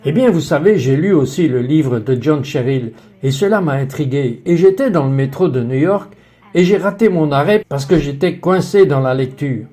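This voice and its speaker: Man dubbing a woman guest, earnest storytelling, fairly high voice, mellow tone, French voice-over. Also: animated, moderate pace, lightly acted. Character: woman guest on a faith talk show.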